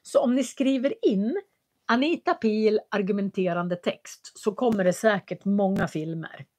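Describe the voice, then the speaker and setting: Clearly articulating Swedish teacher, woman. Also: medium pitch, a little mellow. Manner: clear, carefully articulated speech; patient, explanatory. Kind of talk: live language lesson answering chat.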